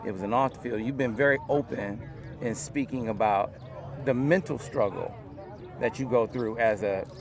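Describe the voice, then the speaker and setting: A man's voice: medium pitch, moderate pace, a crowd in the background. A man conducting a casual sports interview outdoors, asking friendly conversational questions. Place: outdoors at a youth football camp.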